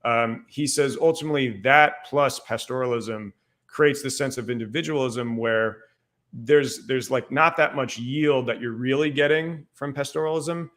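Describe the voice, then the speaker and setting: An Irish man appears as a guest historian on a casual podcast, talking history in a rambling way packed with fillers like "like" and "um." His voice is medium-pitched, unhurried and a bit bright.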